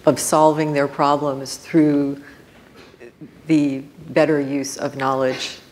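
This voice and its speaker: A woman speaking as a panelist on a conference stage, in a measured, reflective way. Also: deep voice, flat delivery, a little mellow. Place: conference stage before an audience.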